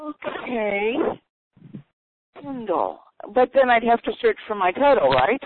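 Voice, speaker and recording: A woman's voice: a little high, very animated. Woman author on a noisy phone line. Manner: chatty, unhurried, thinking aloud. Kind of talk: casual talk on a phone call. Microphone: telephone. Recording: tinny phone line with noise.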